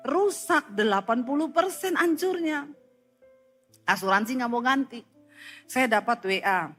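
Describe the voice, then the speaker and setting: A woman preacher delivering a sermon as vivid storytelling, swinging sharply between loud and soft. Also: a little slow, husky, faint music behind. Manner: expressive storytelling with sharp rises and drops in pitch and volume.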